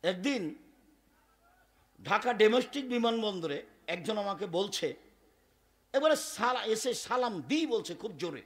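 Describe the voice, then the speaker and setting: A man preaching a waz sermon, forceful and loud at peaks with quiet asides between. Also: sits high, animated, measured pace, pauses often. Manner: admits he speaks hard and loud.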